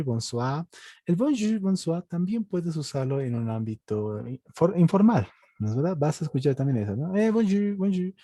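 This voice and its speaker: A male teacher with a very dark, mellow voice and a husky edge gives an online language lesson. He explains things patiently and repeats himself, often adding quick checks like "right?", and stretches out words slowly when he models pronunciation. His pitch moves in a lively way, and the recording sounds dry and close. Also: no room sound. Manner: patient, repetitive explaining with tag questions; slow, drawn-out model pronunciations. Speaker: French teacher.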